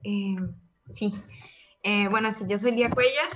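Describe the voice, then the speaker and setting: Bright Salvadoran woman on a video call. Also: medium pitch, a little slow, lo-fi sound. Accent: Salvadoran Spanish. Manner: warm, lively, laughs often, many fillers. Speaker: panelist, media co-founder. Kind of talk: online panel talk.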